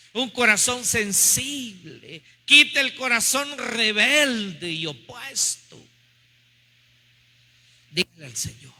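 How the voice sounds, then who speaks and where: A man preaching a sermon as pastor, leading the congregation in a fervent prayer with slow, drawn-out phrases. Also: extremely high pitch, bright, forceful tone. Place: church hall. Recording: long hall reverb.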